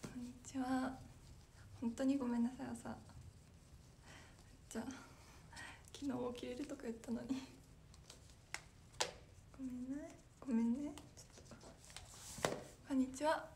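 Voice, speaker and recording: A woman's voice: high-pitched, fairly even intonation, measured pace, pauses often, darkish tone, a little hiss or hum. A young woman idol chatting casually on a livestream, apologetic and giggly, answering viewer comments. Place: small room with echo.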